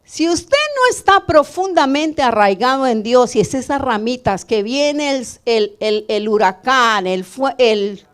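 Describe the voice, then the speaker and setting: High-voiced woman preaching with call-and-response. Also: a little slow, smooth. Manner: animated call-and-response preaching, asks the congregation questions; cries out loudly when quoting pleas. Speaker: pastor. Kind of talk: sermon. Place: church service with congregation.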